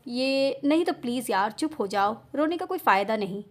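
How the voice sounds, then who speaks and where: A woman's voice: fairly high pitch, expressive, normal speed, close to an everyday voice. A woman reading an audio novel voices a cruel young husband who taunts his wife with fake tenderness. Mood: mocking. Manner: taunting, falsely tender, flares into shouting. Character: cruel, mocking young husband who enjoys her pain.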